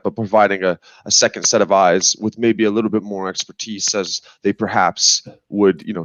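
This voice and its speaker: A man on a discussion panel, explaining analytically in halting, measured phrases, on slightly muffled audio. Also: low-pitched, dry recording. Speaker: podcast panelist.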